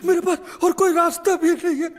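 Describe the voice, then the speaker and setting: A man's voice: very high voice, lively intonation, measured pace, fairly bright tone, exaggerated voice. An actor playing a scheming man who pawns his nephew, with melodramatic, mock-tearful pleading.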